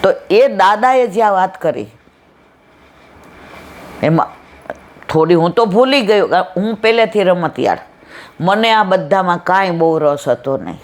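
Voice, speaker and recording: A woman's voice: lowish voice, lively intonation, a little slow, pauses often. A woman giving a devotional satsang talk. She tells stories from her memories and acts out what people said. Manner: reminiscing, quotes people in little voices. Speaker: satsang speaker.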